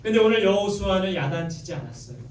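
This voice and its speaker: A man's voice: sits high, expressive, fast talker, a little mellow. A male pastor delivering a sermon, reading scripture aloud and leading his congregation in call-and-response. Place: church sanctuary. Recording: echoey church, mic at a distance. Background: congregation answering amen.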